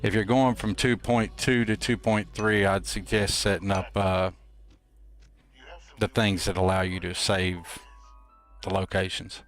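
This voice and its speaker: A man's voice: deep voice, level tone, unhurried, fairly bright tone, faint music behind. A man hosting a game stream with casual, folksy, playful and rambling commentary. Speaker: host of a gameplay livestream.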